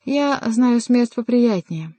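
Sly mocking jester, read by a woman, drawling, dark dry tone. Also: a little high, animated, slow, dry recording, pitched above the performer's own voice. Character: mocking male court jester, sly and sardonic.

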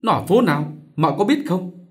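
A man's voice: high-pitched, expressive, moderate pace, pitched above the performer's own voice. A man voicing a grieving, bitter old mother. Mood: anxious. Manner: moaning, reproachful.

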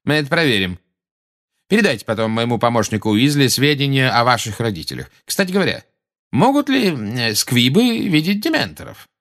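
A man's voice: medium pitch, big pitch swings, fast talker, fairly bright tone, pitched above the performer's own voice. A man doing a sneering pompous minister. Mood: haughty. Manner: sneering, haughty. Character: pompous scornful middle-aged male minister.

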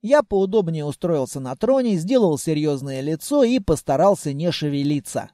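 A man narrating a first-person fantasy audiobook in a playful, lively storytelling manner. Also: fairly high pitch, moderate pace, no room sound, clean studio sound.

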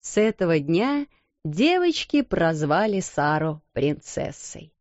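Animated woman reading a storybook. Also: on the low side, slow, no echo, dull audio. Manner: animated, acts out the characters. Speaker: audiobook narrator.

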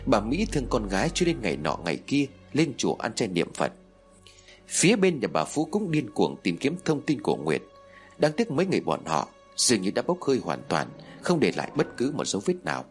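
Man narrating a melodrama, lively pitch. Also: a little fast. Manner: steady, dramatic storytelling. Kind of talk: scripted story narration. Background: faint music.

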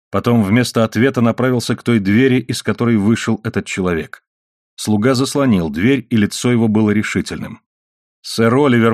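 A man reading an adventure novel aloud as an audiobook narrator, in steady storytelling. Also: on the low side, no room sound, studio quality.

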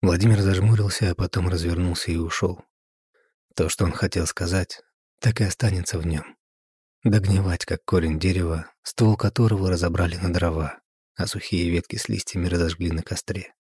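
Deep, husky male audiobook narrator. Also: fairly even intonation, moderate pace, a little mellow, dry recording, studio quality. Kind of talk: audiobook reading.

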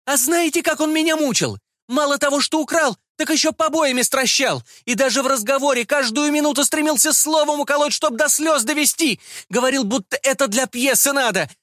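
A man voicing a bold, bitter young peasant actress in an audiobook, shouting and declaiming. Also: extremely high pitch, a little fast, few pauses, no echo, studio quality, voice pushed up. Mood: defiant. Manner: shouting, then declaiming verse.

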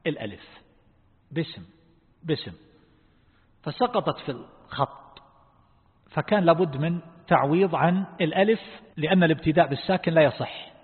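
An Islamic scholar teaches Quran reflection in a husky, slightly raised voice on the high side. He explains slowly and deliberately, quizzing the class with questions. The audio is thin and phone-like, with a long hall reverb.

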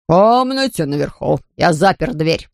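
A flustered, frail old gentleman from a storybook, voiced by a woman reading aloud. His voice is gravelly and slow, and the sound is dry and close. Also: low-pitched, lively intonation, dry recording. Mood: alarmed.

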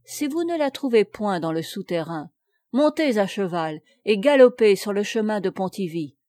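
A woman's voice: medium pitch, lively intonation, normal speed, warm tone, no room sound, studio quality, close to an everyday voice. A woman reading aloud, voicing a clever, cocky young peasant boy in a raised, playful voice. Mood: sly.

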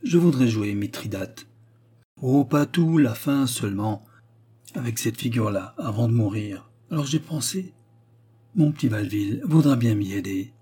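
Man doing a dying old stage tragedian, emphatic and pleading, dark husky voice. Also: mid-range voice, expressive, moderate pace. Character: dying old male tragic actor, fervent and proud.

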